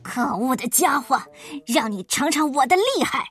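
Brief: swaggering storybook hero cat, high and lively, a woman putting it on. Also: normal speed, slightly rough, faint music behind, full character voice. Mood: cocky. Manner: swaggering, confident and playful.

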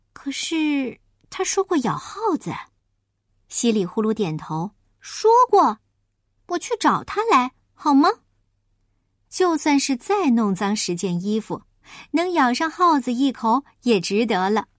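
A woman reads a children's story aloud, her voice lilting and expressive. It sits a little high and rises and falls widely. The recording is dry and close, with faint music behind her. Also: a little slow, dry recording.

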